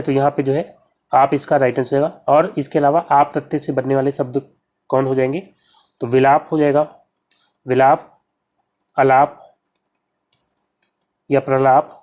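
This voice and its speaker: A man's voice: medium pitch, darkish tone. Hindi exam-prep teacher, man, repetitive. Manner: repetitive, addresses viewers as friends. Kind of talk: explaining quiz answers.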